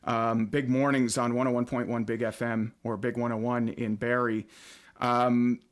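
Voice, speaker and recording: A man's voice: medium pitch, level tone, moderate pace. Casting note: man, late 30s, talky podcast host, loose and rambling. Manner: chatty, rambling with many fillers. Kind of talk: casual podcast chat. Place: home basement studio.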